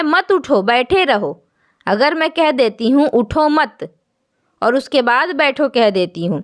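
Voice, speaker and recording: A woman teaching an online Quran recitation class, explaining slowly and asking her students questions. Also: fairly high pitch. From Jammu, India.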